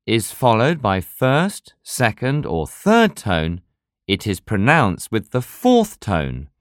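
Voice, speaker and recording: Slow, sing-song language lesson narrator. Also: medium pitch, huge pitch swings, no room sound, clean studio sound. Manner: slow, measured, very varied intonation. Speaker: language teacher. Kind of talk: scripted instructional narration.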